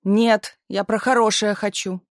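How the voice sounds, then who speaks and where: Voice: medium pitch, little pitch movement, unhurried, dry recording, studio quality, pitched above the performer's own voice, close to an everyday voice. A reader voicing a tipsy young woman activist who earnestly and plaintively begs for a leading role. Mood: pleading. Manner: insistent, plaintive.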